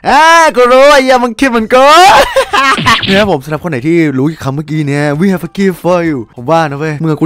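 Excitable young man, high lively voice. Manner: excitable, loud outbursts and crude jokes. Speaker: gaming YouTuber. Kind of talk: casual game commentary.

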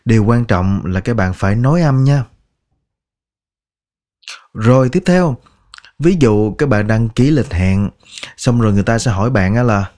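A man teaching English phrases, patiently repeating each word slowly and clearly in a lesson. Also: on the low side, a little mellow. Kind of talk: language lesson.

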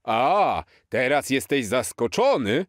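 A man voicing a jolly, kind old Santa Claus in a children's storybook, slow, hearty and fatherly. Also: medium pitch, sing-song, dry recording, clean studio sound, voice pushed up. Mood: cheerful. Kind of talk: storybook character voice.

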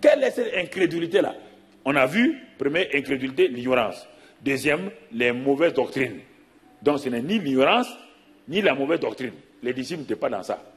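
A middle-aged man preaching a sermon as pastor, animated, repeating himself and asking rhetorical questions. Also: medium pitch, normal speed.

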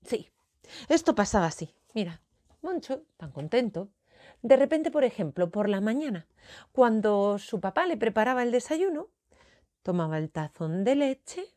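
A woman's voice: on the high side, moderate pace. A woman, a children's author telling her own story playfully and talking straight to the child. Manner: playful, animated, talks to the child directly.

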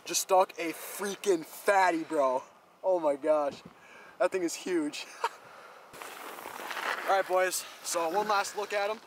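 A young man vlogging excitedly about ice fishing to his viewers, whom he calls "boys", from his truck and out on a frozen lake. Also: high-pitched, takes it slowly, pauses often, noisy background. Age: young adult. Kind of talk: casual vlog chat. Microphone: camera on the dash or held at arm's length.

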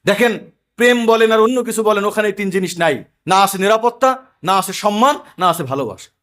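Man, pitched high, preaching emphatically with stories. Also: animated, brisk, fairly bright tone. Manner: emphatic, conversational sermon with anecdotes. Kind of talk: sermon.

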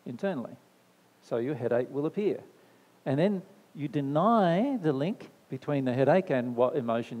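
A man with a slightly high, darkish voice gives a spiritual talk to a live audience in an indoor discussion venue. He answers their questions conversationally, often asking "right?" and repeating phrases for emphasis. A long hall reverb fills the recording.

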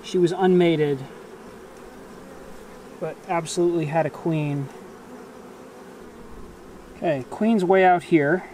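Outdoors in a grassy bee yard, a beekeeper vlogger in his forties casually narrates a hive inspection, partly talking to himself. His slightly high, mellow voice is slow with frequent pauses, over buzzing bees and insects and a little hiss or hum.

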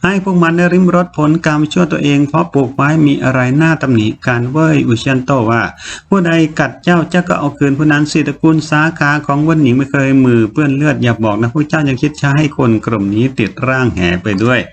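A man's voice: on the high side, quick pace, vocal fry, slight background noise. A man narrating a novel in a dramatic reading, voicing each character himself. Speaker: audiobook narrator.

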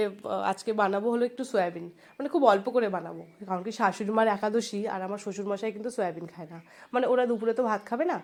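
A woman's voice: medium pitch, darkish tone. A woman, stuffed up and nasal from a cold, chatting homely voice-over narration to her viewers. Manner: rambling, homely, talks to viewers. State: congested from a cold. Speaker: home vlogger.

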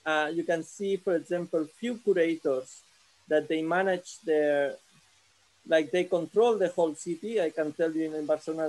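A man in his thirties with a Catalan accent talks through a video call from his living room sofa. His voice sits fairly high, and he speaks haltingly, restarting his phrases as he searches for words. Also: darkish tone. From Catalonia, Spain. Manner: halting, many restarts and fillers. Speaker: seminar participant, visual artist. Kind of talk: casual question in an online seminar. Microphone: laptop camera on a video call.

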